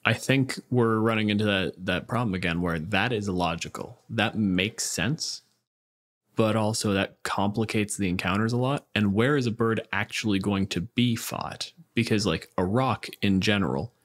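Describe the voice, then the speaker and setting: On a tabletop gaming podcast panel, a man argues and explains his views in a relaxed, informal way. His voice sits on the low side, and he keeps a moderate pace.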